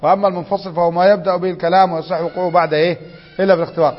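Quizzing Egyptian teacher in a hall. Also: male voice, high-pitched, flat delivery, very fast, muffled recording. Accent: Egyptian Arabic. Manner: quizzing, prompting students with rising questions. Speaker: grammar teacher. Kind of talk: classroom lesson with questions to students.

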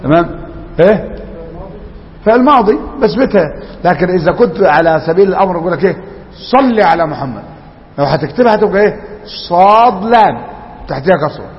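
A man's voice: high voice, long reverb tail, muffled recording. A man with an Egyptian Arabic accent teaching a classroom grammar lesson, quizzing students and repeating their answers.

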